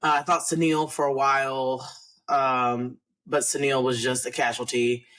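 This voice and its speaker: A man's voice: medium pitch, flat delivery, a little slow, a bit bright. A man co-hosting a podcast, talking in a casual, rambling way with frequent restarts. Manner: rambling, hesitant, restarts often. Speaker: podcast co-host. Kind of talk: casual chat.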